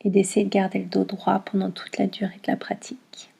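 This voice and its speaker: Speaking at medium pitch, the yoga nidra teacher's voice is mellow and faintly husky, showing little melodic variation. She delivers short, soothing cues for a guided meditation, spacing them with long, relaxed pauses.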